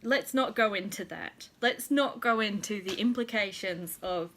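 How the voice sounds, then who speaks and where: A woman's voice: medium pitch, measured pace, fairly bright tone, slight background noise. A young woman with a New Zealand accent chatting casually as a vlogger, giggly and a little tipsy, laughing often and swearing freely. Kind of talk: casual chat.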